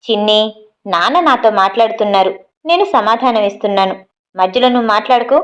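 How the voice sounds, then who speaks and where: A woman voicing a young adult son who confronts his father in a storybook reading, sharp and reproachful. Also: fairly high pitch, fairly quick, muffled recording, slight background noise, close to an everyday voice.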